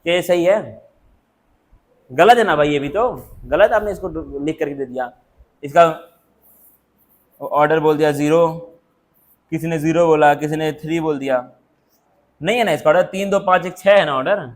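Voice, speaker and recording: A man's voice: a little high, normal speed, long pauses. A man teaching a coaching class, scolding his students in a stern, repetitive lecturing manner. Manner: stern, lecturing, repeats himself.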